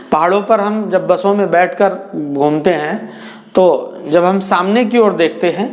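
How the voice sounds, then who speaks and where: Male tutor with a high voice. Lectures in Hindi, answers his own questions, restates every point. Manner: asks questions and answers them himself; repeats and restates phrases. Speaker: physics teacher. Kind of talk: classroom lecture.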